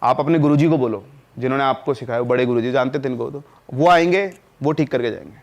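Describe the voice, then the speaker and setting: A man's voice: mid-range voice, fast talker, close to an everyday voice. A man doing a stubborn scoffing father. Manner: dismissive, scolding. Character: stubborn skeptical father, middle-aged man.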